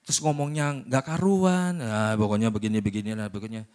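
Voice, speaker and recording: A man preaching a sermon at a church service, lively and colloquial, who often acts out voices. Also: on the low side, fairly quick, smooth.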